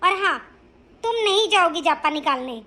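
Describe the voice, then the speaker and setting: A woman's voice: extremely high pitch, expressive, normal speed, bright, forceful tone, a little hiss or hum, full character voice. Woman doing a scolding traditional mother-in-law. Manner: scolding, lecturing. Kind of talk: animated cartoon dub.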